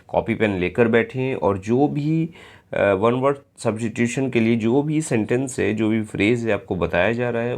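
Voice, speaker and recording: A man with an Indian accent teaching an exam-prep English lesson, patiently spelling out words letter by letter and checking that his students follow along. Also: on the low side. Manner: slow and patient, often checks in with "clear friends?".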